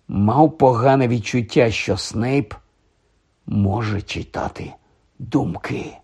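A man reads a story aloud as an audiobook narrator. His voice sits a touch higher than most men's, and he reads expressively, speeding up and slowing down with the text. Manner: expressive, shifting tempo. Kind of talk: audiobook reading.

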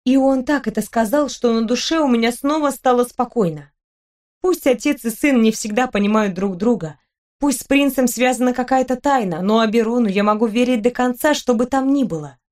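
Expressive woman narrating an audiobook. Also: fairly high pitch, a little fast. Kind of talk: first-person audiobook narration.

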